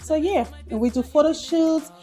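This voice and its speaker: A woman in her thirties, originally from Liberia, answers interview questions about her work in a relaxed, chatty way. She sprinkles in plenty of "you know" fillers as she talks. Faint music plays underneath. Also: sits high, normal speed. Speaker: business owner interviewee. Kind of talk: casual interview.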